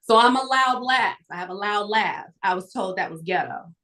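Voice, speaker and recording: A guest author and entrepreneur speaks motivationally on a live stream in a middling-pitched voice at a moderate pace. She is emphatic and animated, projecting clearly like a storyteller.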